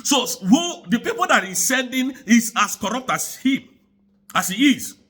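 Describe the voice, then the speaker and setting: A man with a high, bright voice delivers a heated political rant. His pitch swings all over the place as he repeats his charges in an angry, preaching tone. He speaks throughout. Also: sing-song, unhurried, breathy edge. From Nigeria. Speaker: commentator.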